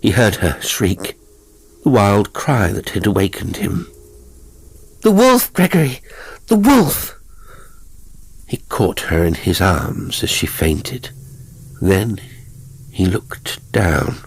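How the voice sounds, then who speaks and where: A male narrator with a low, husky voice reads a horror audiobook, his delivery measured, deliberate, and suspenseful.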